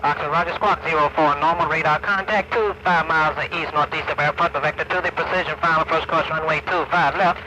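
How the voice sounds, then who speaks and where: A man's voice: a little high, fairly even intonation, quick pace, few pauses. A man working as an air traffic controller, giving formal procedural instructions over a military aircraft radio. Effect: military aircraft radio transmission. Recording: noisy 1960s air traffic radio recording. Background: radio and aircraft noise.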